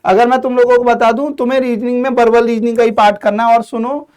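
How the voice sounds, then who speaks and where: High-voiced coaching teacher. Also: male voice, little pitch movement, a little mellow, smooth. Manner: addresses students as "saathiyon", talks fast with restarts and fillers. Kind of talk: informal exam-prep lesson.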